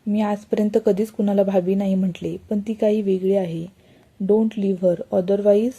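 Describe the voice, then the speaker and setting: A woman's voice: medium pitch, fairly even intonation, measured pace, warm tone, breathy edge. A woman reading the lines of a cheerful young man, an eager younger brother who mixes English words into his talk. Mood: earnest. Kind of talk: storybook reading.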